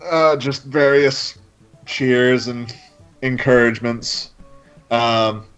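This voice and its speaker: A man's voice: mid-range voice, little pitch movement, takes it slowly, fairly bright tone, clear, resonant tone. A man narrating a tabletop game as game master, laying out each scene step by step in an easygoing way. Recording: dull lo-fi stream audio with faint music.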